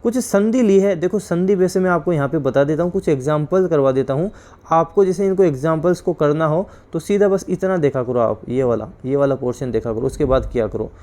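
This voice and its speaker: A male teacher from India with a fairly high voice runs an exam-prep class. He explains each rule, repeats it, and keeps asking his students questions. His voice drops low and quiet whenever he gives the corrected word. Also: expressive, a little fast.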